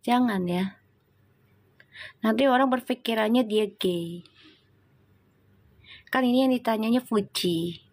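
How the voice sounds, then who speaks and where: A woman's voice: on the high side, takes it slowly, long pauses, a little mellow. A woman, hosting a casual live stream, reading viewer comments and scolding them with rhetorical questions.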